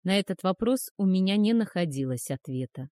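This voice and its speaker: A woman narrating a first-person romance audiobook in a soft, measured, emotional way. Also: mid-range voice, animated, no echo, studio quality.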